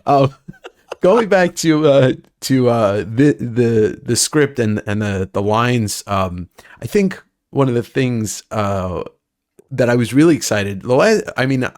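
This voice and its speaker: A man hosting a podcast interview, asking halting questions with many fillers. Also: mid-range voice, lively intonation, a little mellow. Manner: brief backchannels, halting questions. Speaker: podcast host. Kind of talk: casual interview chat.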